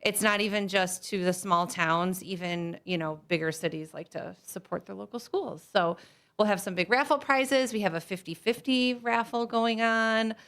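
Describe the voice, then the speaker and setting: An American woman with a medium-pitched voice speaks as a guest on a radio program. She explains things in an informal, conversational interview style. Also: moderate pace, fairly bright tone. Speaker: radio guest, school fundraiser organizer.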